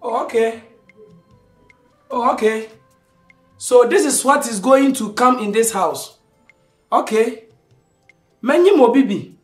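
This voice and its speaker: A man plays a comic Ghanaian house help who rambles and pleads in pidgin. His voice sits high and the room echoes around him, with music underneath. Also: animated, takes it slowly, long pauses, full character voice. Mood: ranting. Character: jumpy comic male servant pleading with his boss. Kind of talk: comic drama acting.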